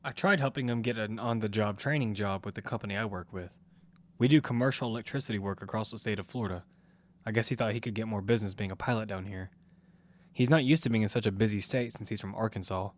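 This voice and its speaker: Fast and natural, this fairly low-pitched male voice belongs to the narrator and lead of an audio drama. He plays Damian, a single father fiercely protective of his six-year-old daughter, narrating reflectively over loud background music.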